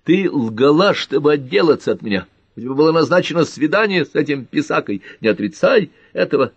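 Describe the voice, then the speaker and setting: A man's voice: mid-range voice, big pitch swings, measured pace, breathy edge, no room sound, pitched above the performer's own voice, heavily acted. Man doing a hot-tempered jealous young man. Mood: angry. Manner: shouting, accusing.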